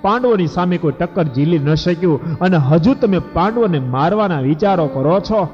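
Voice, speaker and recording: A man's voice: fairly high pitch, animated, normal speed. A man telling a devotional scripture story as a sermon, dramatic and emphatic, addressing the devotees. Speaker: religious storyteller preacher. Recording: echoey hall, dull lo-fi, faint music.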